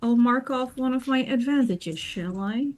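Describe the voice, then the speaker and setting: A woman's voice: sits high, measured pace, darkish tone. A woman playing a tabletop game, bantering casually in a wry, teasing way.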